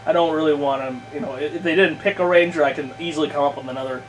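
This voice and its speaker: Speaking quickly in a fairly high, steady voice, a man guesting on a podcast rambles through a casual tabletop-games chat, thinking aloud as he plans a campaign and loops back mid-sentence. The audio is poor, with clear background noise and hum.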